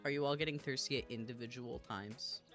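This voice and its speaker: A streamer chatting casually with viewers while playing, giggly and quick to apologize. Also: medium pitch, steady tone, a bit bright, faint music behind. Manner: chatty, giggly, self-deprecating, talks to chat while playing. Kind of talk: casual game-streaming chat.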